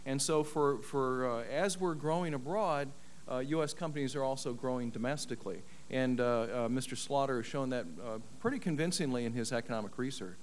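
A middle-aged man testifying as an expert witness, measured and argumentative, on a desk mic in a large paneled hearing room. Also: medium pitch. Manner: measured, argumentative, many uh fillers. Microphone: desk microphone.

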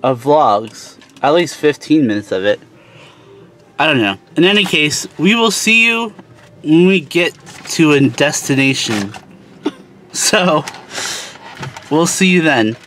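A man's voice: a little high, very animated, takes it slowly, long pauses. A man in his thirties chatting casually to a phone camera from inside a moving car, rambling and talking to his viewers. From North Carolina. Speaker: travel vlogger. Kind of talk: casual chat. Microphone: phone camera held close. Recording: loud road noise in car.

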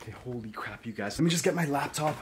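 Young man, skit host, fast excitable slangy talk, lively pitch. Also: noisy background. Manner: excitable, slangy, keeps saying yo and dude. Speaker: channel host. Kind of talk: frantic scripted horror skit.

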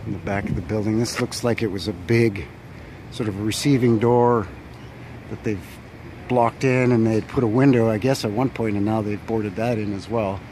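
Wind and street noise fill the background as a man films a windy winter street on a handheld phone, speaking in a fairly low, steady voice at a moderate pace. In this easygoing walking narration, the old-building vlogger reflects on a building with plenty of fillers and unsure side notes.

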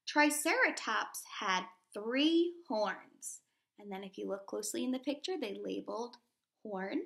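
Reading aloud to little ones, a primary school teacher in her thirties keeps her explanations simple and weaves in questions. Her mid-range voice has lively intonation, an unhurried pace, some vocal fry, and a fairly bright tone.

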